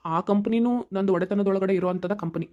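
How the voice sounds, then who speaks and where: A woman's voice: mid-range voice, normal speed, dark tone, dull audio, close to an everyday voice. Woman doing a kind rich North Karnataka uncle. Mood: earnest. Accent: North Karnataka Kannada. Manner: earnest, reassuring, long explaining speeches. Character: wealthy kindly middle-aged man, family friend. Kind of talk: cartoon voice acting.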